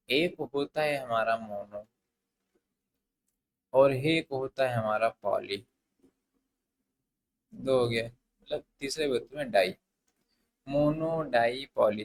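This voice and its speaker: A man's voice: medium pitch, poor audio. A man teaching an English grammar lesson, mixing Hindi and English in a hesitant style with many fillers and restarts. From India.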